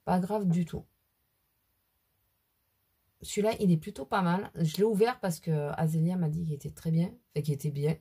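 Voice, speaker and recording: A woman's voice: lowish voice, fairly even intonation, moderate pace, long pauses, dark tone, husky. A middle-aged woman with a cold, chatting casually and rambling through her makeup routine for a beauty vlog. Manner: chatty, rambling, self-deprecating asides. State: has a cold. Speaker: beauty vlogger. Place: at home at her mirror.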